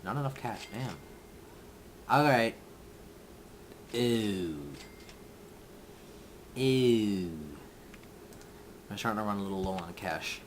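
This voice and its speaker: A man's voice: lowish voice, fairly quick, a bit bright, slight background noise. Young man rambling through gameplay commentary. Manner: rambling, thinking aloud, trailing off. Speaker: let's play gamer.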